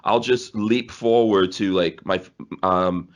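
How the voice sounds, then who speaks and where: A man's voice: fairly low pitch, fairly even intonation, takes it slowly. A man in his forties, born in Guyana and raised in New York City, rambling through stories as a podcast guest, with frequent laughs. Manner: rambling, laughs often, restarts. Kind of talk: casual storytelling interview.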